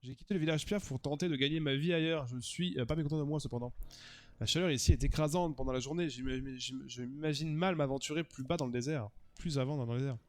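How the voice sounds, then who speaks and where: A man voicing a worried young bird-folk traveler, reading slowly and hesitantly. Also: mid-range voice, close to an everyday voice.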